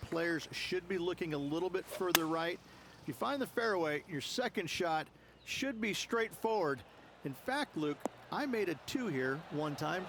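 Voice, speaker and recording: Male golf commentator, analyst role. Fairly high voice, conversational and explanatory, over clear outdoor noise.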